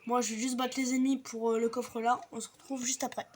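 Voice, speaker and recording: A woman's voice: on the high side, flat delivery, fast talker, darkish tone, slight background noise. A young woman casually commenting on her gameplay, chatty and explaining each step to viewers with the odd light swear. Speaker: gaming video creator.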